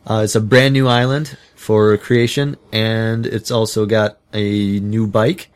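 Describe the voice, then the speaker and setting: A man co-hosting a casual podcast, talking eagerly about video games with quick comebacks. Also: on the low side, level tone, smooth. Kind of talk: casual chat and game talk.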